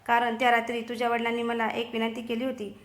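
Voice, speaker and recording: A woman voicing a grave, protective older businessman in a storybook serial, speaking solemnly and gently, with a roomy echo. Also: a little high, monotone, quick pace, close to an everyday voice.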